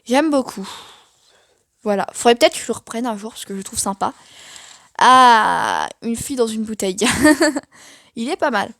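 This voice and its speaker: A woman's voice: fairly high pitch, very animated, normal speed, gravelly, pauses often, a bit bright, dry recording, clean studio sound. A young woman giving a casual, chatty tour of her sketchbook, self-mocking and full of fillers. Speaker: art vlogger.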